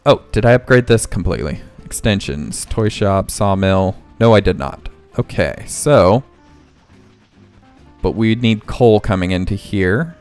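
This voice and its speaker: A man's voice: fairly low pitch, lively intonation, a little slow, darkish tone, clear, resonant tone. A man hosting a let's play, casually thinking aloud and correcting himself as he plays, with faint game music underneath. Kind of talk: casual gameplay commentary.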